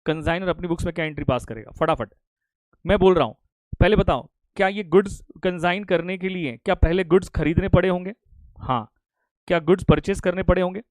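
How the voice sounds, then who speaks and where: A middle-aged man with an Indian accent teaching accounting in a live lecture, repeating questions and pressing students for quick answers. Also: sits high, no echo. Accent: Indian English. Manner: drilling repetition, urging quick answers.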